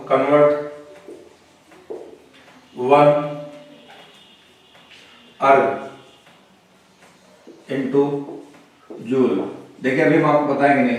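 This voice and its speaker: A man teaching a physics lesson in a classroom, working through problems step by step and often checking with his students. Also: mid-range voice. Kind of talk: classroom lecture. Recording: echoey room, voice from a distance.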